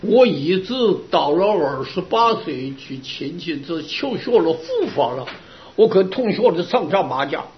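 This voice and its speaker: A man, a Buddhist Dharma teacher, giving a sermon to his students with lively storytelling and rhetorical questions. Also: on the high side, a little slow, a little hiss or hum. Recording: dull lo-fi recording.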